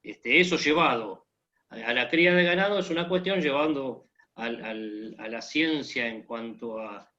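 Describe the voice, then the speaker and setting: A guest in an online conversation, this Argentine man speaks at a measured pace in a mid-range voice that is bright and forceful. He jokes casually in an Argentine Spanish accent, using many fillers, while the recording has its highs cut off.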